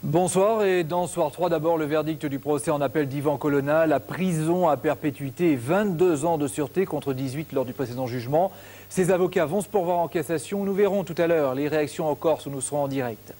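A middle-aged man reading the evening news headlines as anchor in a television studio, in a measured, steady delivery. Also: a little high.

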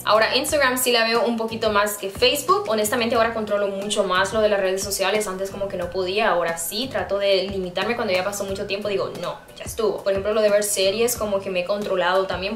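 A woman's voice: mid-range voice, quick pace, few pauses, fairly bright tone, reverberant. A woman in her twenties from Honduras with a Honduran Spanish accent, chatting casually and playfully to camera as a YouTuber. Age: 20s. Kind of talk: casual vlog chat to camera. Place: small indoor room by a plain grey wall.

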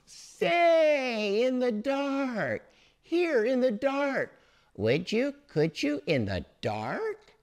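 A man's voice: extremely high pitch, very animated, very slow, voice pushed up, full character voice. A man voicing a small, pesky storybook creature who coaxes eagerly in singsong questions. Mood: excited insistence.

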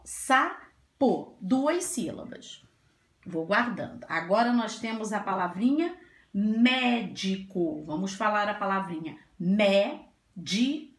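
A woman teacher going through a grammar worksheet for young children, speaking slowly and gently and drawing out each word. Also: medium pitch. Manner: slow, drawn-out, gentle teacher talk with diminutives. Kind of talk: slow grammar lesson for children. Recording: echoey room.

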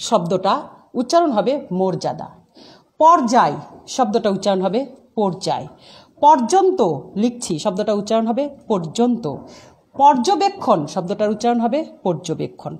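A woman teacher giving an online class, explaining rules step by step, repeating examples and asking questions. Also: a little high.

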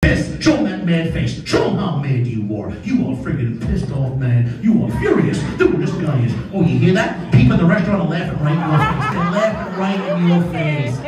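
High-voiced stage hypnotist, far off. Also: male voice, sing-song, normal speed, few pauses, background noise. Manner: loud, playful, commanding, laughing. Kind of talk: live hypnosis show patter. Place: indoor comedy venue with audience. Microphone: phone held far off in the audience. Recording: far-off echoey phone recording over crowd and music.

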